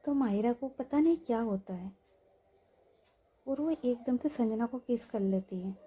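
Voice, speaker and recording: A woman's voice: on the high side, unhurried, mellow, husky. A young woman narrating a story in a casual, chatty way, turning to her listeners with asides.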